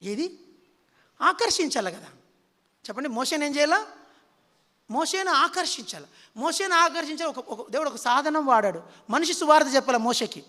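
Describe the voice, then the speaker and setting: Guy preaching a sermon, sharp bright tone, keeps asking the crowd questions, echo of a big hall. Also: extremely high pitch, lively intonation, normal speed, pauses often. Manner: quizzes the audience with repeated questions.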